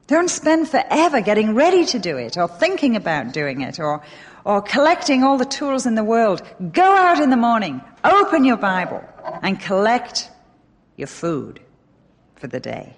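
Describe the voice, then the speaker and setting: A woman's voice: fairly high pitch, moderate pace. English woman teaching in a reverberant hall. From England. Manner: animated and emphatic, with self-deprecating humor. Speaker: Bible teacher. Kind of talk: Bible teaching talk.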